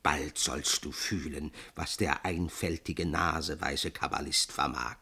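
A man's voice: a bass voice, steady tone, a little slow, creaky, sharp tone, slightly rough, pitched below the performer's own voice, heavily acted. A man voicing an indignant old male cabbalist in an audiobook tale, grave and threatening. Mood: vengeful.

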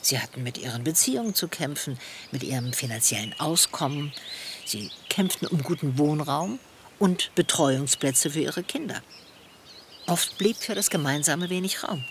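In a radio play, the main character, a thoughtful middle-aged woman, reflects on her life in the first person with earnest, sober longing. Her low-pitched voice is measured and articulate with a very lively melody, while birds and outdoor noise are clearly heard behind her.

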